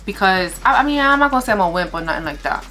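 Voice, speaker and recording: A woman's voice: medium pitch, big pitch swings, very fast, bright, forceful tone. A woman co-hosting a casual eating show, chewing while she talks in informal, slangy, repeated phrases. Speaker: mukbang co-host. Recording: music playing behind the talk.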